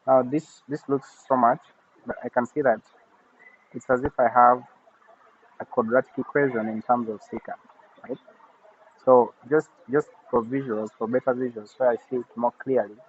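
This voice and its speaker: A man's voice: medium pitch, moderate pace. Man explaining math over tinny audio. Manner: steady step-by-step explaining, talking through working aloud. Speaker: math teacher. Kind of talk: recorded math lesson. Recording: tinny phone-like audio with faint noise.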